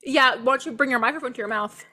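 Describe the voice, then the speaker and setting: A woman's voice: sits high, fast talker, pushed and bright. A young woman co-hosting a podcast, chatting casually with teasing asides. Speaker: podcast co-host. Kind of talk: casual chat.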